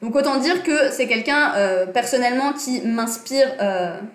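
A young woman hosts a relaxed livestream lesson on design and politics, speaking a little slowly in a fairly high voice with lively intonation. Her small room sounds roomy, and she chats from her desk with many fillers and self-corrections.

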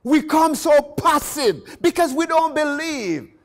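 A man preaching a sermon, passionate and rising to shouts on key phrases. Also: extremely high pitch, expressive, slow.

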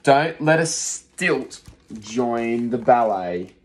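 With a medium-pitched voice and drawn-out words, a young adult male teacher reads a rhyming picture book aloud for young children. His delivery is rhythmic and expressive, and he sits in a small room, recorded on a phone close in front.

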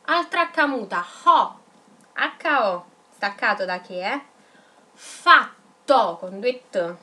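A woman teaching young children in a video lesson, dictating words slowly and spelling them out syllable by syllable. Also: on the high side, lively intonation, pushed and bright. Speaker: primary school teacher.

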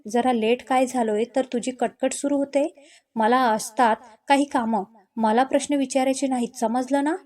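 An irritable young boyfriend who brushes off questions in a spoken story, as a woman storyteller puts him on. He snaps in a high, mellow voice with no heavy acting. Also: steady tone, moderate pace, lightly acted. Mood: irritated. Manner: snappish.

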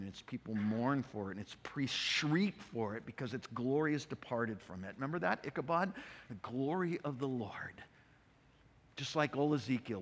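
A male pastor giving a conversational, animated expository sermon, often repeating himself. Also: on the low side, husky. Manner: conversational, animated preaching with repetitions. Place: church sanctuary. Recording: long hall reverb.

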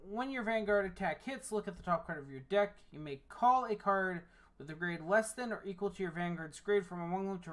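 Tired, casual card game deck reviewer. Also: mid-range voice. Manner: reads card text aloud between casual, uh-filled remarks. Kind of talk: casual deck profile walkthrough.

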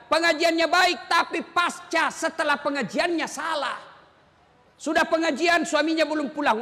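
A male preacher giving a humorous sermon, teasing and addressing the audience directly in an animated way, with a long hall reverb. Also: very high voice.

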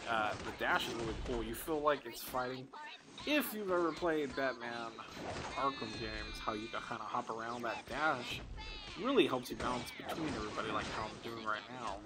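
A man's voice: medium pitch, moderate pace. Playful man narrating gameplay, noisy recording. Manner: playful, excitable, talks to his child while playing. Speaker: gameplay video host. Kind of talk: casual gameplay commentary.

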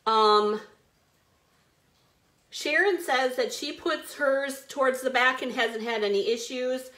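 A woman hosts a live card-making stream in a high, slightly bright voice, speaking slowly. She is chatty and bubbly, greeting viewers by name while she works.

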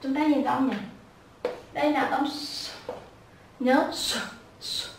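A high-voiced woman teaches children to pronounce words, going slowly and repeating each one sound by sound. She speaks from a little way off the mic in an echoey room. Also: steady tone, far from the mic, background noise. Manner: patient, repeats each word slowly and breaks sounds apart. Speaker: English pronunciation teacher for children. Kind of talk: slow spoken lesson with repeated drills.

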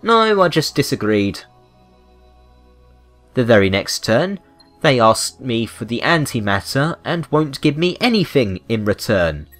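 A British man rambles through unscripted video game commentary, wry and mock-indignant, with music playing behind him. His mid-range voice is very animated and a bit bright, and he talks a little slowly.

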